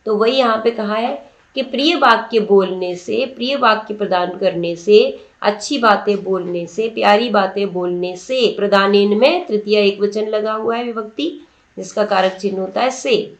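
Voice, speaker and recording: A woman teacher explaining a textbook lesson slowly, word by word, asking her students questions as she goes. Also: mid-range voice. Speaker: Sanskrit teacher. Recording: roomy echo.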